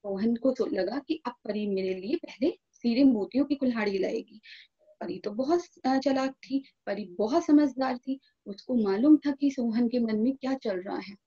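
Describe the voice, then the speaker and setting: A woman telling a story to school children in a lively storytelling manner. Her voice is high, breathy and mellow. The audio sounds dull and lo-fi. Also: normal speed.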